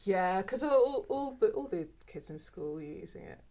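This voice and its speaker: Very animated at a moderate pace, a woman with a medium-pitched, dark-toned voice speaks in an oral history interview about her past as an archive worker. She is in her fifties, from England, with a mixed, mostly southern English accent, and she is hesitant, often repeating words.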